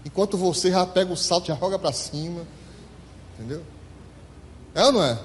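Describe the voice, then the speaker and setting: A pastor, preaching a sermon in church and calling on the congregation to answer him. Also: male voice, sits high, fairly quick, a little hiss or hum. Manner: animated, asks the congregation to respond. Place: church hall. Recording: echoey church hall.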